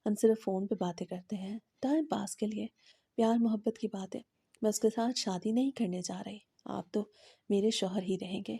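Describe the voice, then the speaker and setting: Woman voicing a calm, defiant wife. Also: medium pitch, gravelly, slightly rough. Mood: calm defiance. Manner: composed, matter-of-fact. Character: calm, defiant wife who answers back coolly.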